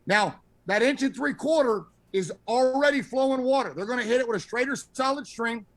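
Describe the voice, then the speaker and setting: A man's voice: very high voice, a little fast. A man, a fire instructor, giving emphatic, blunt training commentary over incident video.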